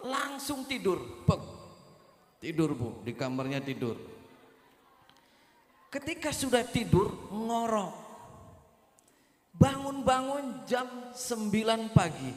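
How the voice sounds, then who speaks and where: A man preaching a comic village sermon, telling a story and acting out the dialogue. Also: high-pitched. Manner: animated storyteller acting out dialogue, addressing mothers. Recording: echoey hall with long reverb.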